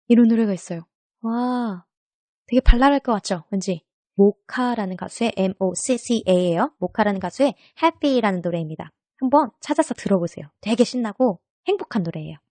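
A woman teaches English vocabulary on a podcast in a lively, chatty way. She asks her students questions, answers them herself and spells words out slowly. Her voice sits in a middle range and sounds dry, with no echo. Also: mid-range voice.

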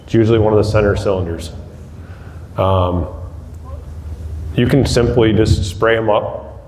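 Captured by a camera far across the room, a plainspoken man speaks casually to a small audience in a big indoor hall full of empty chairs; he builds demolition derby cars and is giving a seminar. His low, slightly mellow voice is unhurried, with fairly even intonation, and his practical talk is full of ums and restarts. The echoey hall carries faint background hiss.

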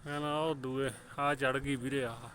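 A man's voice: mid-range voice, flat delivery, normal speed, very noisy. A man in a casual vlog, coaxing his pigeons with repeated calls and talking to viewers. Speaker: vlogger. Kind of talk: casual vlog narration while handling pigeons.

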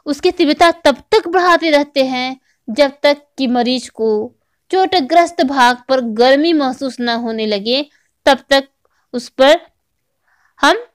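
An online physical education teacher with an Indian accent delivers an explanatory exam-prep lecture, repeating and rephrasing key points. Her voice is high and she speaks a little slowly, in a studio-quality recording without echo.

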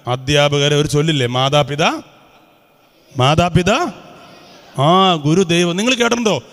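High-voiced preacher man in echoing hall. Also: a little slow, a bit bright. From Kerala. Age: 50s. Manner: quizzes the audience with repeated questions. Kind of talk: lively religious talk to schoolchildren. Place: large hall with student audience. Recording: reverberant hall.

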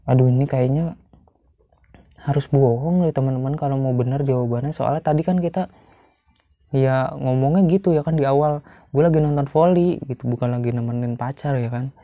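A man's voice: medium pitch, brisk, dry recording, phone-quality sound. A chatty young man, commenting on a story game and talking to his viewers. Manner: chatty, addresses viewers as friends. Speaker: gaming YouTuber.

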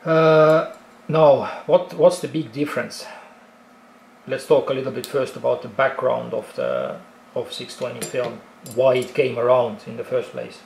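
Speaking in a medium pitch with a steady, unhurried delivery, this man has vocal fry and a darkish tone. He's a hobbyist presenter with an Estonian accent giving a casual step-by-step tutorial on film cameras, full of fillers and restarts. The echoey room carries a little hiss or hum.

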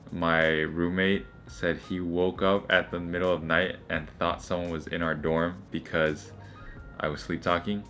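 A man's voice: sits low, fairly bright tone. A young man talking casually to camera as a vlogger. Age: young adult. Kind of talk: casual vlog chat.

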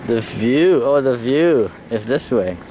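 A man's voice: medium pitch, slow pace. A man filming his island tour, exclaiming at the sights in casual running commentary on a handheld camera mic outdoors. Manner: excited, exclaiming at the views. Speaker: travel vlogger filming a tour. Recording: loud outdoor noise, wind and traffic.

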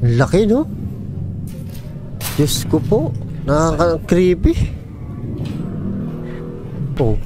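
A man's voice: fairly high pitch, sing-song, very slow, pauses often, over music. A man in his thirties reacting to a video with awed, spooked exclamations, at a studio mic with headphones in a small room. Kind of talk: casual reaction commentary.

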